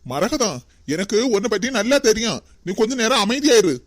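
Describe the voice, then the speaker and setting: A woman's voice: a little high, animated, brisk, background noise, close to an everyday voice. A woman with a Kanyakumari Tamil accent voicing a proud older brother in a cartoon, scolding his sister indignantly.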